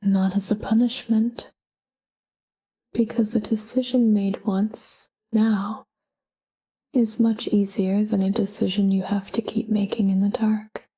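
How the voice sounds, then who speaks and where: This low-quality recording features a woman whispering a guided sleep meditation, her voice very airy and breathy. The pace is slow and calm, with almost no change in pitch. She offers short, gentle phrases, leaving room between each.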